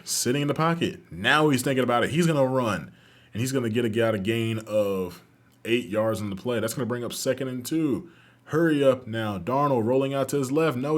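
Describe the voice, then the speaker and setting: A man doing excitable play-by-play commentary over a football video game, calling each play like a sportscaster. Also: mid-range voice. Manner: excitable, calls plays like a sportscaster. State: out of breath at the end. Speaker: YouTube gaming host.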